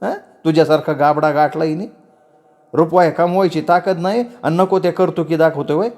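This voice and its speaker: A man's voice: on the high side, fairly even intonation, moderate pace, darkish tone, voice pushed up, lightly acted. A man voicing a middle-aged village aunt who scolds harshly in rustic dialect. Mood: furious scolding.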